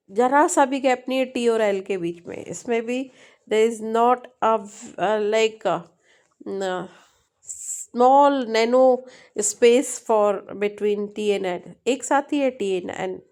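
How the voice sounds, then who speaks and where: A woman with an Indian accent teaching a linguistics tutorial, switching between Hindi and English, reading definitions slowly and often checking in with her students. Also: on the high side, a little mellow. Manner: frequent checking tag questions. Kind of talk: explaining at a board in mixed Hindi and English.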